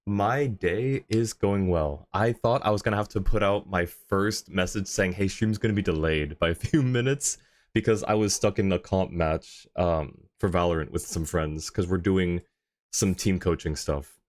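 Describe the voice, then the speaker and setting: A low-pitched male host speaks at a normal speed during a laid-back livestream. He keeps up friendly chatter, taking turns saying hello to viewers and thanking them.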